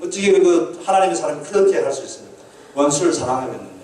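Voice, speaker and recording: A man's voice: on the high side, lively intonation, rapid-fire, darkish tone. A man preaching a sermon as pastor, earnestly asking the congregation questions and acting out quoted prayers. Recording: echoey hall, mic at a distance.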